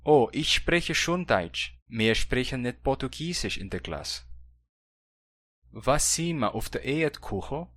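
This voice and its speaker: A man reads the learner's part of a scripted course dialogue in a simple, questioning style, his accent Brazilian Hunsrik German. His medium-pitched voice is expressive and a bit bright, a little slow, with no echo.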